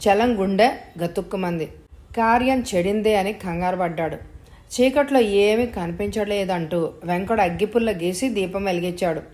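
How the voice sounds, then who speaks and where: A woman reading a story aloud as its narrator, telling it at a steady pace. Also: medium pitch, normal speed. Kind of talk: audiobook narration.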